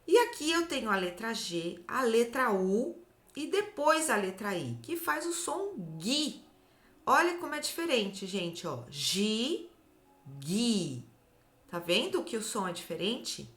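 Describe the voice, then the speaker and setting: Brazilian woman, children's literacy teacher, slow deliberate delivery, echoey room. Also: on the high side, big pitch swings, a bit bright. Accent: Brazilian Portuguese. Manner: slow, drawn-out syllables, often ends with "tá?". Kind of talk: slow, clear phonics lesson for children.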